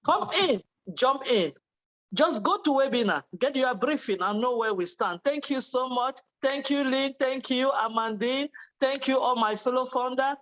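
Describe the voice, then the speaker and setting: This webinar participant from Cameroon speaks at a normal speed in a high, fairly bright voice, though the recording is muffled. Her testimonial is fervent: she offers thanks over the video call and encourages others to join in.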